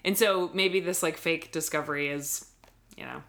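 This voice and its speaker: A woman co-hosting a podcast, chatting casually as she recaps a TV episode and acts out quick quotes. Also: sits low, steady tone, fairly bright tone. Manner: chatty, narrates scenes with quick quoted asides. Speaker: podcast co-host.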